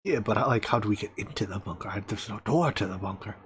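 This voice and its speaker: A man with a slightly husky voice chats through a tabletop game in a loose, easygoing way, often laughing. He sounds eager to jump straight into action. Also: fairly low pitch, fast talker. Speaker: player. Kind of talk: tabletop game play over voice chat.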